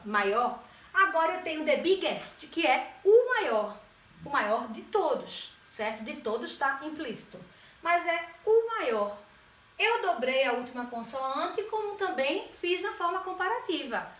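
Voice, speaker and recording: A woman's voice: sits high, a bit bright. A woman from Brazil teaching an English grammar lesson, explaining step by step and often checking in with her students. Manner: explanatory, frequent checks like "certo?". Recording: echoey room, distant mic.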